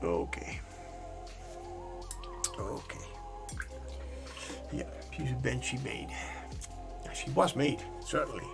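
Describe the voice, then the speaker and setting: A man's voice: mid-range voice, lively intonation, slow pace, gravelly, long pauses, music in the background. A man chatting casually on a live painting stream, rambling and correcting himself with jokey asides into a desk microphone.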